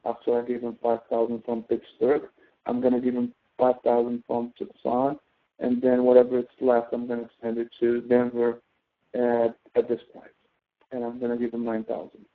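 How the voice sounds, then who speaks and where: This male tutor walks through spreadsheet tasks one step at a time, his voice coming through tinny like a phone call. It's medium-pitched with a totally flat delivery and a moderate pace. Explanatory in manner, he frequently adds tag questions to make sure he's being followed.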